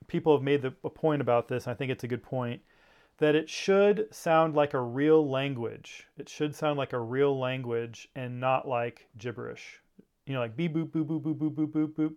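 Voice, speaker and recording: Guy teaching a bible seminar, a bit higher voice, loose and chatty with lots of ums. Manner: conversational, many fillers and restarts.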